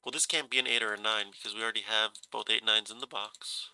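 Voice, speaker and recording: This puzzle solver speaks in a lowish, steady voice at a quick pace, with vocal fry and a bright, forceful edge. Stuffy-nosed and a bit scratchy from a cold, he thinks aloud casually and hesitantly, catching and fixing his own mistakes.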